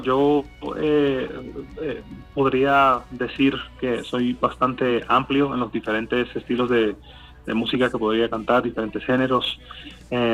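Answering interview questions, a hesitant man from Miami, USA stumbles through many fillers and restarts. His first language is English, though his accent is Cuban Spanish softened by Colombian. His voice is medium-pitched and fairly bright, captured in a low-quality recording.

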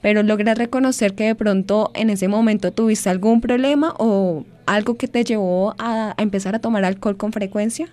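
A woman interviewing a guest, asking long, measured, thoughtful questions. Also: mid-range voice, steady tone, warm tone.

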